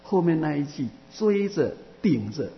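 A man teaching as a Buddhist teacher, answering questions in a Dharma talk and speaking haltingly with many restarts and drawn-out fillers. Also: on the high side, sing-song. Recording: muffled, reverberant hall with faint hum.

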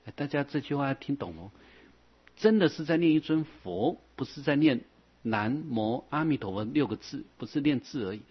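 A husky man gives a patient Buddhist dharma talk. He circles back over each point, softening his phrases with a drawn-out "ah". The recording sounds dull and lo-fi. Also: mid-range voice, expressive. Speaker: Buddhist teacher. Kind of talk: dharma lecture.

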